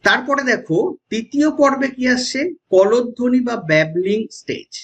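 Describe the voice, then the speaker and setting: A man's voice: very high-pitched, expressive, moderate pace, fairly bright tone. A man with a West Bengal Bengali accent teaching an exam-prep lecture, explaining step by step and often checking in with the class. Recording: dull lo-fi sound.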